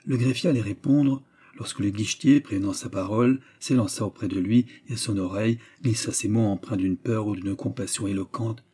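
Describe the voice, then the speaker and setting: Un homme lit un roman classique en livre audio, d'un ton posé et régulier. Sa voix est sombre, douce et un peu voilée, sans éclat. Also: male voice, fairly low pitch, fairly quick, warm tone, husky. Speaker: audiobook narrator. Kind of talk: scripted literary narration.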